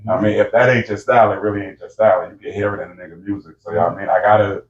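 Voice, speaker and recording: Interviewed among friends in an indoor room, a rapper chats in a laid-back, slangy way full of fillers. His voice is on the low side with fairly even intonation and rapid-fire delivery. The lo-fi sound is roomy, distant, and dull, with a little hiss or hum.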